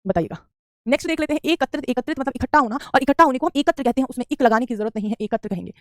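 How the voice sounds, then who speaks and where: Female tutor: quick, drilling delivery, keeps repeating answers, very dry recording. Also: high-pitched, no echo. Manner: answers student questions, says "beta" often; repeats correct spellings for drill. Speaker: Hindi teacher. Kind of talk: online exam-prep class.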